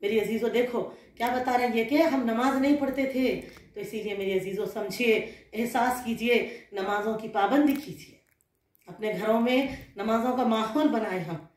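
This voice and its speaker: A woman's voice: on the high side, moderate pace, darkish tone. A woman religious scholar giving an earnest sermon to women, often putting questions to her listeners. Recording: roomy echo.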